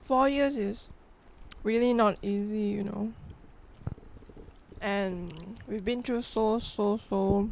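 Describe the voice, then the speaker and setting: A woman, a soft-spoken, giggly guest in a casual podcast chat. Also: medium pitch, steady tone, slow pace, vocal fry, pauses often, a little hiss or hum. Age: 20s.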